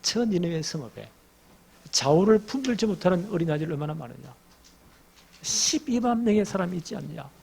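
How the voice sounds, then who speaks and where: A man voicing God rebuking, gravelly. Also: high voice, animated, fairly quick, a little mellow. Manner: rebuking, rhetorical questions. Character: God scolding a stubborn prophet.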